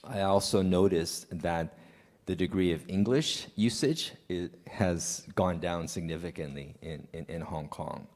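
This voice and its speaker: A man's voice: deep voice, a little mellow, long reverb tail. A man from Taiwan speaking as a conference panelist in an earnest, conversational way with frequent restarts. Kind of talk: panel discussion.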